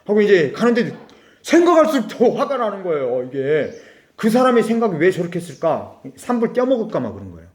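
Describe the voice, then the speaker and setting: A man's voice: high-pitched, huge pitch swings, fast talker, darkish tone, reverberant. A middle-aged Korean man preaching a sermon as a pastor, telling a story with acted-out dialogue and laughing asides.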